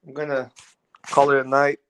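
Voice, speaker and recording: A man's voice: medium pitch, monotone, normal speed, fairly bright tone, poor audio. A man chatting casually as a panel guest, with agreeable, slangy frat-bro talk full of swearing. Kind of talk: casual chat.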